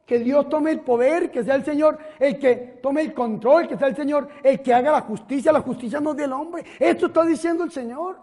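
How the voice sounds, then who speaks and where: Brief: male priest, very high voice, impassioned preaching, long hall echo. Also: normal speed, hardly any pauses, mellow. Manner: fervent, rising to exclamations. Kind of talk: sermon.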